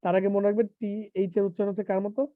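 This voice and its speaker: A man leads an IELTS class over a tinny, phone-like call with a dry sound. His voice sits high and he teases his students as he explains. He mixes English terms into casual speech. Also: little pitch movement, racing, no echo. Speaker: IELTS teacher. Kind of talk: live online class.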